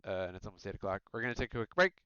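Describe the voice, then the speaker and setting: A man runs a tabletop game, narrating in a smooth, resonant, low voice with loose, rambling fillers. The mic is dry and close but dull and lo-fi. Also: very animated, very fast, sharp tone, dry recording. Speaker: game master.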